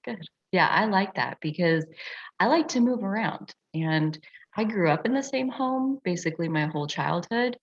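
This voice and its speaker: This woman, an astrology teacher running an online group session, reflects casually as she teaches, frequently using "like." Her medium-pitched voice is expressive and slightly rough, at a normal speed, heard through dull, lo-fi video call audio.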